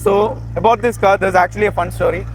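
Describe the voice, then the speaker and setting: A man's voice: sits high, steady tone, rapid-fire, faint music behind, low-quality recording. A man chatting casually as a guest, eagerly telling anecdotes and repeating his phrases. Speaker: car content creator, guest.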